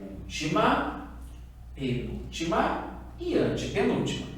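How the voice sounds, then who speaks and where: A Brazilian man teaching a recorded lesson to young pupils, his pitch rising and falling in lively swings. He explains patiently and checks in often. His voice is heard from a distance in a strongly echoing room. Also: takes it slowly. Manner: patient, repetitive explaining with frequent check-ins. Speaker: primary school teacher. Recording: very echoey room, voice far from the mic.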